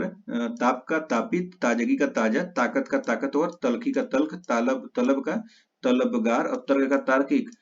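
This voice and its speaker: A man's voice: medium pitch, darkish tone. Man rattling off word lists. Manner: rapid list recitation with self-corrections. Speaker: exam-prep teacher. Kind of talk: lesson, reciting word lists. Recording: slightly dull lo-fi audio.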